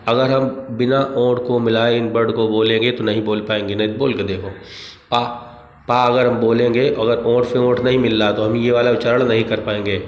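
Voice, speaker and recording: A male teacher giving an exam-prep grammar lesson, asking questions and answering them himself. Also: mid-range voice. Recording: echoey room, dull lo-fi sound, faint background noise.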